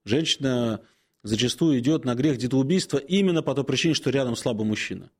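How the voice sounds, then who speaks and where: A man in his forties, an Orthodox priest on a call-in show, answering questions slowly with many hesitant pauses and gentle advice. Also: medium pitch, animated, breathy edge. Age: 40s.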